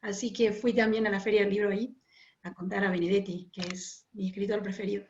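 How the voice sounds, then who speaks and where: In a casual interview, a female guest from Montevideo, Uruguay, an oral storyteller with a Rioplatense accent, explains things at a quick pace. Her voice is medium in pitch, a little mellow and flat in delivery, coming through a muffled, roomy internet call.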